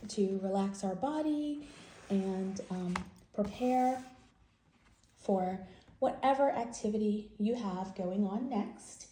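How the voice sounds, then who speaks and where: Reading a bedtime story aloud, a woman speaks to small children using simple, emphatic phrases and guiding questions. Her voice sits at medium pitch with a warm tone, carrying a slight hiss or hum. The home recording is roomy and echoing.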